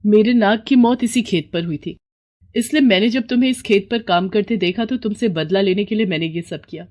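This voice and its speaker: Give me a woman playing a remorseful cartoon snake spirit woman, husky and pleading. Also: medium pitch, brisk, darkish tone, lightly acted. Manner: pleading, confessional. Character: remorseful female snake spirit in human form. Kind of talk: storybook cartoon voice acting.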